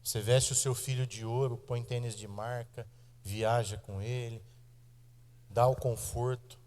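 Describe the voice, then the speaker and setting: A man in his thirties with a Brazilian accent, preaching to his congregation as pastor, emphatic and direct, slowing down and speeding up for effect. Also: medium pitch, fairly even intonation, darkish tone. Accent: Brazilian Portuguese. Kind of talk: sermon. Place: church sanctuary. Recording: church hall reverb.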